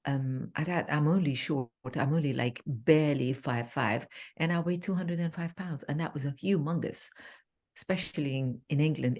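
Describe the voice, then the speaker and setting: A woman in her fifties from Iran, a relationship coach, talking casually on a video call with many pauses and fillers. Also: a bass voice, creaky, a little mellow, breathy edge. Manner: halting, many fillers, laughs easily. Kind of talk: casual interview chat.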